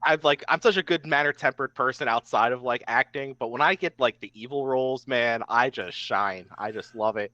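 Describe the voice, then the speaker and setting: A man's voice: mid-range voice, moderate pace, hardly any pauses, pushed and bright, dry recording. A young man, a podcast guest, reminiscing casually and filling his talk with "like". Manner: reminiscing, lots of "like" fillers. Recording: dry, slightly dull podcast mic.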